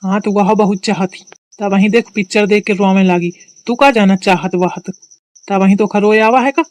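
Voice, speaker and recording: A woman's voice: medium pitch, steady tone, normal speed, darkish tone, no echo, natural voice. Brief: woman playing a stubborn cartoon village man, dry close recording. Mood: arguing. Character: simple village husband Chintu, stubborn and dim.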